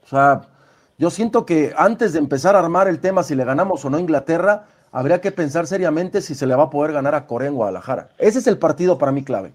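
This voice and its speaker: A man's voice: fairly high pitch, animated, quick pace. A man with a Mexican accent giving emphatic, opinionated sports analysis on a live show. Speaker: sports pundit.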